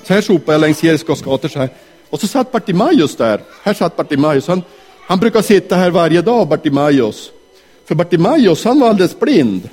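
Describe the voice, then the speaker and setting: Lively high-voiced man telling a story. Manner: animated, asks the audience questions. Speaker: children's talk leader. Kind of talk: storytelling to children in character.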